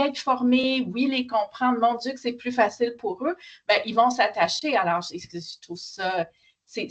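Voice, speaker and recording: A woman's voice: mid-range voice, highs cut off. A woman with a Quebec French accent, speaking spontaneously as a panel speaker and explaining her points.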